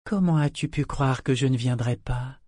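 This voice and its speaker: A man's voice: a little high, normal speed, darkish tone, dry recording, clean studio sound, pitched above the performer's own voice, close to an everyday voice. A man reading an audiobook voices a tearful, dutiful young noblewoman in a raised, pleading voice. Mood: tender, resigned.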